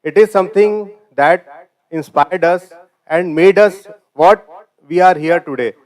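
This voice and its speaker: A man's voice: sits high, a little slow, a little mellow. A man in his forties with an Indian accent, an alumnus in the audience, gives a deferential tribute and says sir after nearly every phrase.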